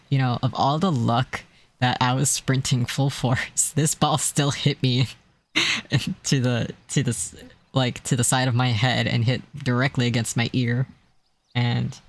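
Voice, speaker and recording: A streamer chatting casually on a live stream, telling stories in a rambling way with many restarts and a self-described weak, easily strained voice. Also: medium pitch.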